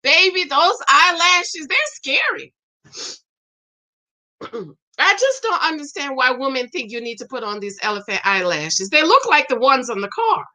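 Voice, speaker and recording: A chatty woman in her forties reviews a show on a livestream, reading comments and answering them with sass. Her voice sits high and has a bright, forward edge. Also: big pitch swings, unhurried. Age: 40s. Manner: sassy, chatty, reads comments aloud and reacts.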